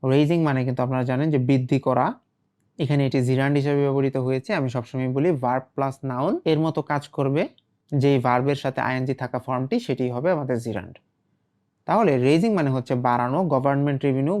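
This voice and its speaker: Fast-talking male language teacher. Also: medium pitch, a little mellow. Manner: asks rhetorical questions and answers them himself; reads English phrases then glosses them. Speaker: English teacher. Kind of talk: explanatory language lesson.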